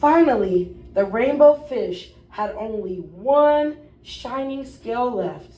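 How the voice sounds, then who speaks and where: A woman teacher reading a children's picture book aloud in an expressive storytelling style. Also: fairly high pitch, slow pace, lo-fi sound. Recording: roomy, distant mic, faint noise.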